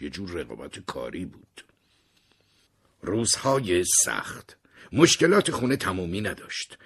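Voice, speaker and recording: A narrator tells a first-person story in a very husky, breathy voice. His low voice rises and falls with lively, dramatic expression, giving it the feel of an expressive retelling.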